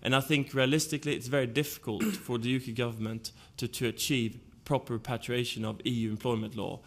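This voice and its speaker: A man with a Swedish accent gives an argumentative panel talk and works through his case point by point. His voice sits at a middling pitch for a man. His delivery is measured and deliberate. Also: steady tone. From Sweden. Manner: argumentative, lays out points in order.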